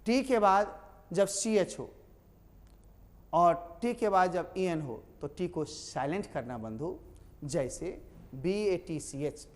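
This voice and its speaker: Man, spells letters aloud, animated, high-pitched, reverberant hall. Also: slow, long pauses. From Bihar, India. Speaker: English teacher. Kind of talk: classroom lesson on silent letters.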